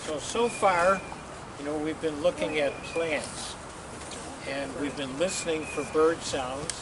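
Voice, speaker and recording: An adult nature guide explaining things slowly and simply to young children on an outdoor hike by a lake. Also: mid-range voice. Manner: slow, patient, simple explanations with fillers. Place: outdoors by a lake and rock outcrop. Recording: loud outdoor noise.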